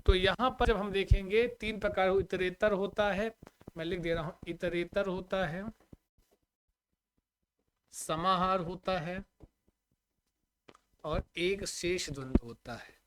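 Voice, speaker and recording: Male Sanskrit tutor with a raised, high voice, live online class, repeats questions to students, chants examples slowly. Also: fairly even intonation, a bit bright, smooth. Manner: drills students with repeated questions and checks on the audio; recites Sanskrit compound examples in a measured, chanting way. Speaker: Sanskrit teacher.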